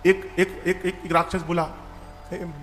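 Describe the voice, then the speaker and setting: A man telling a devotional story as a sermon, lively and humorous, chanting verses now and then. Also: high-pitched, normal speed. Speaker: storyteller preacher. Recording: reverberant hall with faint music.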